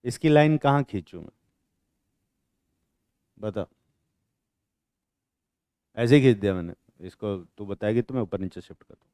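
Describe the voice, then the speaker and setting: A man teaching chemistry to a class, quizzing students and teasing them in blunt, rough slang. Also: fairly low pitch, animated, measured pace, long pauses, dark tone, no room sound. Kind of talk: classroom lecture with questioning.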